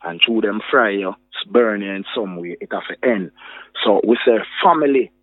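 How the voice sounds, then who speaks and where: A man's voice: lowish voice, lively intonation, moderate pace, dry recording. Earnest Jamaican Rasta man, phone-like sound. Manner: earnest, preaching unity, repeats phrases for emphasis. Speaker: musician, interview guest. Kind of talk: conversational radio interview in Jamaican Rastafarian speech. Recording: narrow phone-like line, dry.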